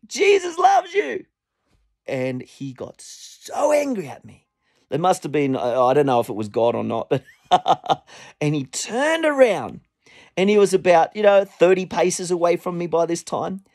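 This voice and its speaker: A man preaching a sermon, telling a personal story with an animated delivery and a voice that jumps up when he quotes people. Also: dry recording, clean studio sound. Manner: animated storytelling, voice rising high when quoting.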